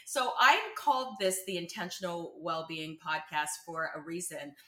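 A woman's voice: lowish voice, moderate pace, fairly bright tone, reverberant. A woman from Ontario hosting a podcast, chatty and affirming. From Burlington, Ontario, Canada. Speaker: podcast host. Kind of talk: casual interview talk.

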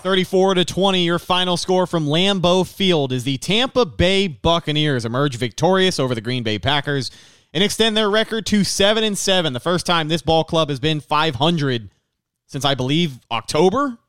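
Clear, dry-sounding male sports podcast host. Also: a little high, lively intonation, normal speed, fairly bright tone, no echo. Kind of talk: live post-game recap talk.

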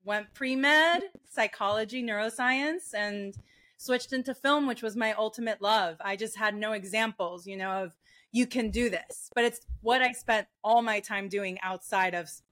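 A woman from Venezuela, a filmmaker guest in a podcast interview, telling her story in an animated, reflective way. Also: a little high, normal speed.

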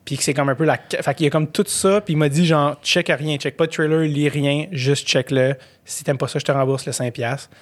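A man's voice: fairly high pitch, fairly even intonation, a little fast, few pauses. A man with a Québécois French accent in casual podcast chat, rambling with many fillers and restarts.

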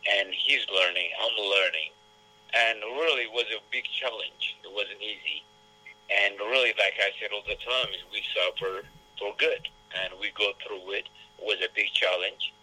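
A man with an Ethiopian accent, a boxing coach whose first language is Amharic, speaking haltingly in an interview. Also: lowish voice, pushed and bright, poor audio. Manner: halting, repetitive phrasing in a second language. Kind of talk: casual interview talk.

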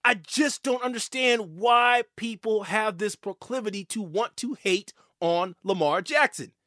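A man hosting a sports talk show, giving animated, opinionated commentary and stammering when worked up. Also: high-pitched, no room sound, studio quality.

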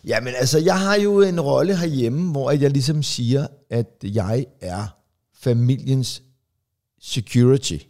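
A comedian co-hosting a podcast, telling rambling family anecdotes full of fillers and restarts. He briefly acts out relatives in quick, raised voices. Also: medium pitch, a little mellow. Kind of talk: casual chat, storytelling.

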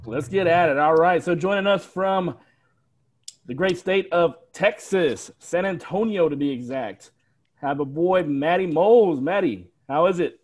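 A man's voice: fairly high pitch, measured pace. A man hosting a podcast with informal, bantering chat. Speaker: podcast host. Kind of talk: casual chat.

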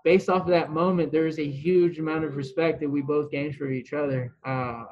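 Man, fairly high-voiced, rambling, swearing, animated storytelling, dull muffled recording. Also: a little fast. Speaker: guest, former baseball pitcher. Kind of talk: casual storytelling interview.

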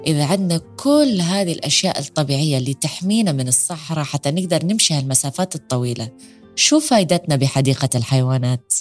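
A woman's voice: low voice, animated, fast talker, a little mellow, soft background music. A woman voicing a curious baby camel that keeps asking questions. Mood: pestering. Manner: persistent questioning, childlike.

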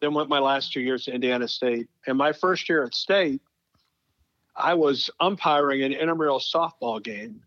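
A middle-aged male sports broadcaster, appearing as an interview guest, tells stories in a conversational way and leans on certain phrases for emphasis. His voice sits in the mid range with a fairly bright tone. The recording has no room sound and the highs are cut off.

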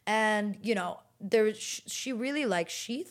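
A young woman chats as an interview guest, telling stories in a relaxed, casual way. She leans on filler words as she talks and sits at a middle pitch. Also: unhurried. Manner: chatty, storytelling, many "like" fillers. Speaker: guest, fashion model.

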